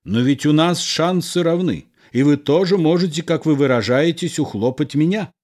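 A man's voice: on the high side, normal speed, darkish tone, voice pushed up, natural voice. A male reader playing a sullen lover caught out, muttering darkly and then bursting into theatrical demands. The voice stays close to the reader's own. It is a spoken storybook reading. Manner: gloomy, muttering, then dramatic outbursts. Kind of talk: audiobook character reading.

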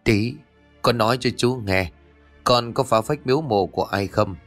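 A man voicing a calm young male exorcist who talks in a firm, measured and reassuring way. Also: mid-range voice, faint music behind, lightly acted.

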